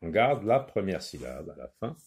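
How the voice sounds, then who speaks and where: A man teaching a children's phonics lesson, repeating each word slowly and sometimes explaining in Arabic. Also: deep voice, big pitch swings, a little mellow. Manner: slow, repeats words syllable by syllable.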